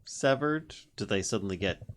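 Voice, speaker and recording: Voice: low-pitched, lively intonation, moderate pace, slight background noise. A player chatting at a tabletop game, joking and laughing often. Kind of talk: casual tabletop game chat.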